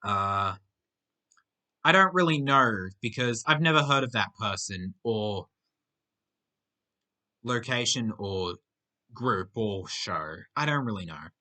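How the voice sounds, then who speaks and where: A man's voice: fairly low pitch, animated, takes it slowly, pauses often, pushed and bright. A young man hosts a casual Q&A. He reads out viewer questions and gives short, plain answers. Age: young adult. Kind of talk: casual Q&A monologue.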